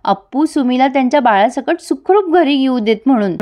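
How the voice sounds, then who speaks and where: A woman voicing a gentle young woman who comforts and calms her family. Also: high voice, fairly quick.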